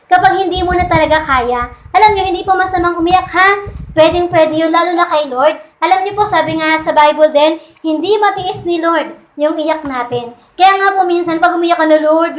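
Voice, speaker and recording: In an echoey church hall, a woman with a very high voice speaks at a moderate pace as she preaches a Sunday sermon. Her delivery is conversational, and she often asks listeners to agree while mixing English phrases into her Tagalog.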